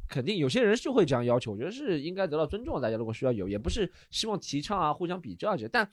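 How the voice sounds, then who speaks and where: A man's voice: on the high side, very animated, racing, no room sound. A man co-hosting a casual chat podcast, joking around and steering the topic. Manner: playful, jokey, steers the topic. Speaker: podcast co-host.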